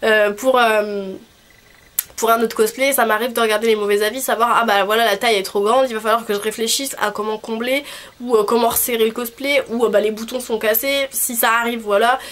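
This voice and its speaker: In a casual video chat, a young cosplay vlogger rambles informally at a brisk clip, her voice a little high, a bit bright, and fairly even. Her cold-stuffed nose gives it a honking, nasal sound, and noise is clearly audible behind her.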